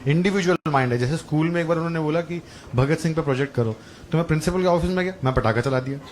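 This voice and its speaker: On a comedy club stage, a young man talks at a racing clip in a voice on the high side, spinning conversational tales that end in crude punchlines. The crowd laughs loudly throughout, and room noise is audible.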